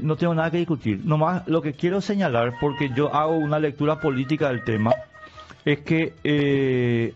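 A man hosting a live radio interview, pressing his guest with questions in quick bursts. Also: a little high, a little mellow. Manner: probing, fast bursts of talk. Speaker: radio host. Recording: dull lo-fi radio sound.

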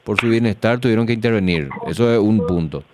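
A man hosting a radio interview, calm and measured, explaining at length. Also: lowish voice, background noise. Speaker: radio host.

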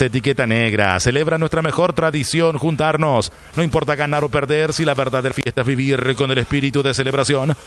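A man reading radio commercials in a polished, salesy style, slowing down for the taglines. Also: mid-range voice, a bit bright. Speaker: commercial announcer. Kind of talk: scripted radio ad reads.

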